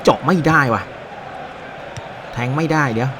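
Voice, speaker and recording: A man giving excited, animated play-by-play commentary on a football video game, with frequent exclamations and a Thai accent. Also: mid-range voice, moderate pace, a little hiss or hum. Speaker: gaming YouTuber.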